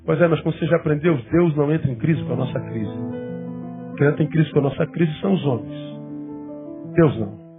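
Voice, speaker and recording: A man with a Brazilian accent preaching an emotional sermon as a pastor, his voice breaking with tears at its peaks and sinking low and quiet between them. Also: brisk, long pauses. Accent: Brazilian Portuguese. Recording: tinny lo-fi recording with faint guitar. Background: soft guitar music.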